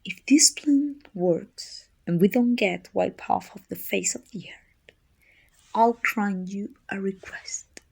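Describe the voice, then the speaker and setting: In an ASMR roleplay, a woman plays a haughty, dominant evil queen with a soft spot, musing imperiously and slowly in an exaggerated, mid-range voice that is husky and breathy with whispered edges. She sounds relieved and grudgingly fond, teasing her little helper with condescension as she softens toward them. The audio quality is poor.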